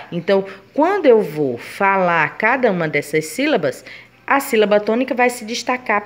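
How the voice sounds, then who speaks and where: Lively woman teaching grammar. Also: medium pitch. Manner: patient, explains step by step and asks herself students' questions. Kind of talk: grammar lesson.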